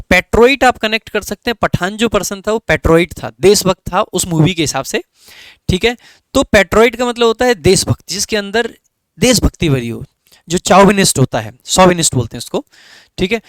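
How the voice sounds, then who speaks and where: A man's voice: high voice, dry recording. A man with an Indian English accent teaching an online exam-prep lesson, explaining each answer option step by step.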